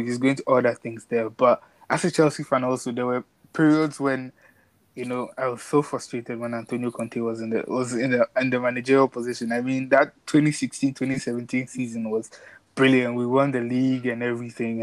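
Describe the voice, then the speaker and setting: A man's voice: medium pitch, little pitch movement, fairly quick, dry recording, rough recording. A man co-hosting a casual football podcast, chatting and laughing as he tells stories. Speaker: podcast co-host.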